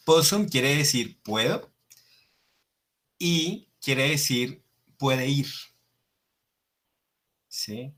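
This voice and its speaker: A man gives a Latin lesson at an unhurried, deliberate pace, with a Latin American Spanish accent. He spells out phrases carefully and keeps checking with his students. His voice sits at a plain middle pitch. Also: lively intonation, a bit bright. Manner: slow, deliberate, frequent checking questions ("¿sí?"). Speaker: Latin teacher. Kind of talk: classroom lecture over slides.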